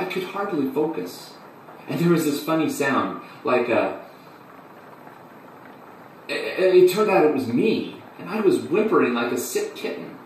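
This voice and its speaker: An actor playing a flamboyant man who tells his story in a halting, breathless theatrical monologue. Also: fairly high pitch. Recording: echoey room, distant mic, faint hum.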